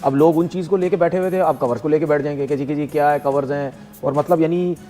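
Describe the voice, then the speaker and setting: A man's voice: fairly high pitch, steady tone, fast talker, dark tone, faint music behind. A man with a Pakistani Urdu accent, a talk show panelist speaking in a worried tone.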